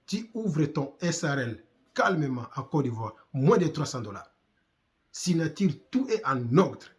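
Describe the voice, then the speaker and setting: Congolese-accented male commentator, slightly high voice, preachy and repetitive, fires off rhetorical questions. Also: sing-song, unhurried. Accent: Congolese French. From Democratic Republic of the Congo. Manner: exhorting, rhetorical questions, repeats himself. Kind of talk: impassioned commentary.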